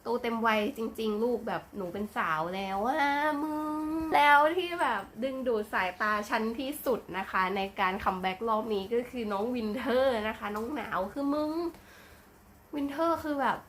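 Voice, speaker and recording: Excited woman reacting with crude slang. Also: on the high side, moderate pace, hardly any pauses, slight background noise. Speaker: reaction vlogger. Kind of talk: casual reaction commentary.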